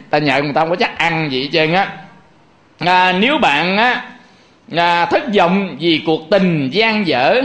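High-voiced, chatty monk. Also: male voice, fairly bright tone. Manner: chatty and joking, constantly addressing the audience. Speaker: Buddhist monk. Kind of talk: conversational sermon to lay followers.

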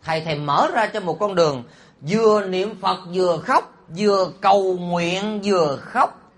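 Animated monk preaching. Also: male voice, high voice, unhurried. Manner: animated, often asks the audience rhetorical questions; teasing and humorous. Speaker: Buddhist monk teacher. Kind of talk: sermon.

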